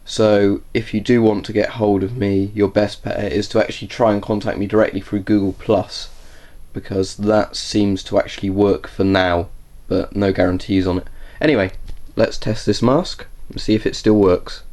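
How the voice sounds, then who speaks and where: A man presents in an informal vlog style. His voice sits fairly low and stays very flat in intonation, with little rise or fall as he chats to viewers. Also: normal speed. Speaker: video presenter. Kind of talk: casual informal vlog talk.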